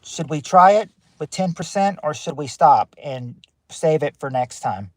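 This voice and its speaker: A man's voice: fairly high pitch, lively intonation, measured pace, no echo. A man hosting a casual family game show on a livestream, reading out answers and greeting viewers by name from his parked car.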